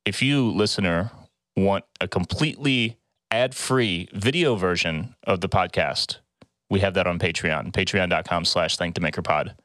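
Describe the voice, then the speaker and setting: A man with a lowish voice hosts a podcast in an upbeat, conversational way. The sound is dry, with very little room around him. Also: normal speed, fairly bright tone, no echo. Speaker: podcast host. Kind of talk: upbeat podcast intro and casual chat.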